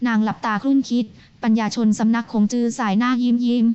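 Clear-voiced woman narrating a fantasy novel. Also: fairly high pitch, fairly even intonation, fast talker, dark tone, dry recording, highs cut off. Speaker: novel reader.

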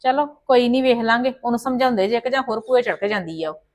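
A woman playing a complaining, sharp-tongued daughter-in-law in a family drama. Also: a little high, expressive, fast talker, close to an everyday voice. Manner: complaining, sarcastic, mutters asides.

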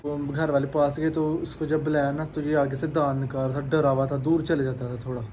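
A man's voice: fairly high pitch, little pitch movement, brisk, a little mellow, slight background noise. A man from Pakistan with a Pakistani Urdu accent, chatting casually in a vlog. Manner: chatty, informal. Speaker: vlogger.

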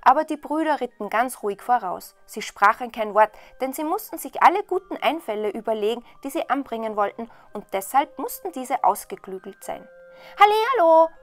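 Woman storyteller, fairy tale, lively, higher voice, faint music behind. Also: a little fast, hardly any pauses. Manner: lively, expressive reading. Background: soft waltz music.

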